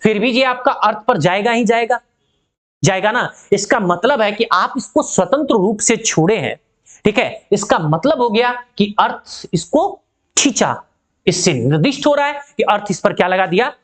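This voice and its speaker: A woman's voice: medium pitch, animated, normal speed. A woman teaching physics in an online lesson. She asks the class rhetorical questions, keeps checking that they follow, and calls them by fond names. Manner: addresses students affectionately.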